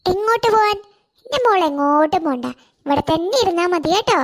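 A woman voicing a doting, anxious old grandmother in a cartoon, talking slowly and fondly. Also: very high-pitched, animated, voice pushed up. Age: older. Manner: slow, doting, fretful.

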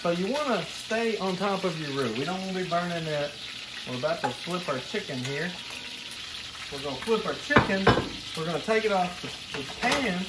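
A man's voice: high voice, lively intonation, normal speed. Chatty man cooking in a sizzling kitchen. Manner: chatty, talks to the viewer while cooking. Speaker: cooking show host. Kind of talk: casual cooking tutorial. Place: home kitchen, indoors. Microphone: camera mic at a distance. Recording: noisy kitchen with sizzling pan. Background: frying and sizzling food.

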